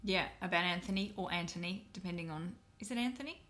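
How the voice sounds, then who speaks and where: A woman's voice: on the low side, animated, quick pace, fairly bright tone. A woman in her thirties co-hosting a podcast in casual chat; she laughs easily and swears casually. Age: 30s. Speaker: podcast co-host.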